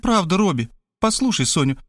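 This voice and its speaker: A man's voice: high voice, sing-song, fairly quick, dry recording, studio quality, pitched above the performer's own voice. A man reading an audiobook, voicing a tearful young woman pleading with her brother.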